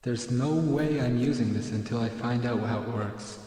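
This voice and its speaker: A cautious man from a sci-fi video game. His mid-pitched, stilted line swims in heavy reverb, with babble behind. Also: moderate pace, crowd noise. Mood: wary.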